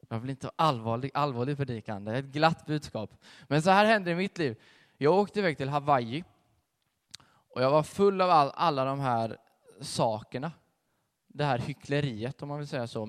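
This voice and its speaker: A young man giving a sermon with a personal testimony, telling his story in a conversational, animated way. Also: mid-range voice. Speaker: preacher. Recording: long hall reverb.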